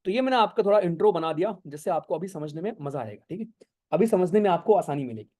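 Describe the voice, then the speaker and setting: A male geography teacher giving an online exam-prep lecture, explaining slowly with many English terms, often checking whether students follow and scolding them for going off topic. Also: high voice, expressive, dark tone. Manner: mixes English terms into speech, keeps asking if it is clear. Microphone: no earphones, talking to an online class.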